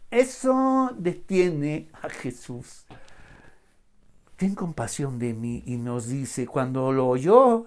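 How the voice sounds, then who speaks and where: A man preaching an online sermon, dramatic and emphatic, swinging between loud outbursts and hushed asides and acting out the voices of the people in his story. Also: on the high side. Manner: acts out voices of the characters.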